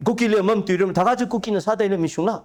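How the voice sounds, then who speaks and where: A man speaking at length as a talk show guest, giving long animated explanations with rising emphasis. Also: high voice, rapid-fire. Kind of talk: conversational discussion.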